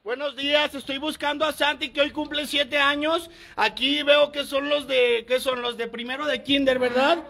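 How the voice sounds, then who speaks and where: Playful Mexican male vlogger, bright, sharp tone, teasing and loud. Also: very high-pitched, flat delivery, normal speed, gravelly, few pauses, dry recording. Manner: playful, teasing, calls out loudly. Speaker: vlogger delivering a birthday gift. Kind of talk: casual joking vlog chat. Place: outside and inside a primary school.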